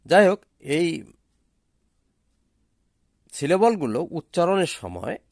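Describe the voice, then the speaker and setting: Slow, gravelly man teaching a lesson. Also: on the high side, very animated, a little mellow, no echo, studio quality. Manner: slow, deliberate, drawing out English words for pronunciation. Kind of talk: recorded exam-prep lesson.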